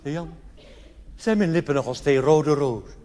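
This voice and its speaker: Performing live cabaret before a large theatre hall, a man from the Netherlands recounts anecdotes in a mock-solemn, theatrical way, full of rhetorical questions. His mellow voice is fairly high-pitched and animated at a normal speed, recorded live amid echo and noise.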